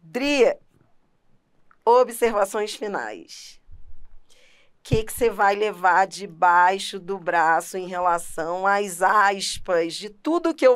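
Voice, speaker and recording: Uma professora com sotaque brasileiro dando uma aula de gramática animada e enfática, falando direto com o aluno. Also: female voice, medium pitch. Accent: Brazilian Portuguese. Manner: animated, emphatic, talks straight to the student. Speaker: teacher. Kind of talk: lively grammar lesson.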